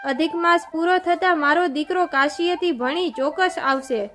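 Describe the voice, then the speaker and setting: A woman's voice: very high-pitched, moderate pace, a bit bright, soft background music. A woman reading the lines of an older Brahmin mother-in-law in a firm, reassuring manner.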